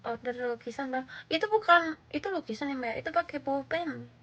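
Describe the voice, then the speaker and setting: A woman's voice: sits high, fairly quick, muffled recording, slight background noise. A woman livestreamer chatting casually with viewers in a blunt, slangy, bantering manner.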